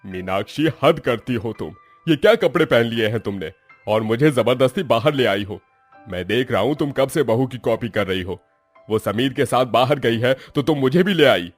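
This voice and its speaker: A man's voice: medium pitch, animated, moderate pace, soft background music, natural voice. A man voicing an exasperated middle-aged husband in a cartoon story, scolding his wife. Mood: irritated, scolding. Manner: scolding, irritated.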